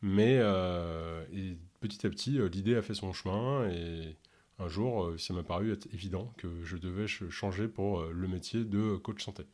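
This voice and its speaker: A man from Ontario who speaks French with no accent, answering interview questions in a halting way with many fillers. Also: low-pitched, darkish tone. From Canada, Ontario. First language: English. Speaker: podcast host and health coach.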